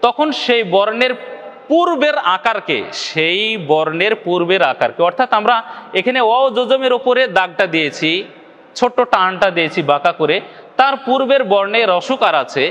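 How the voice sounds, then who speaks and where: A man's voice: high voice, lively intonation, normal speed, fairly bright tone, big-room sound. A man with a Bangladeshi Bengali accent teaching Quran recitation in a video lesson, patiently repeating each point and checking that viewers follow.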